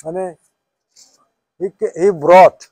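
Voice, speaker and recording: High-voiced man teaching a class. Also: steady tone, extremely slow, warm tone, no room sound. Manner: checks with students, asks "হ্যাঁ?" often; switches between Bengali and English, spells Arabic out. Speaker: Quran teacher. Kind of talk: informal class lesson.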